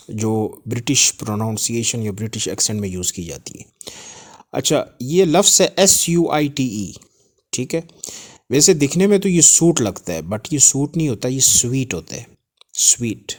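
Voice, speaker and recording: Guy teaching english pronunciation, medium voice, spells stuff out and repeats words slowly. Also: medium pitch, darkish tone. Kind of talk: spoken language lesson.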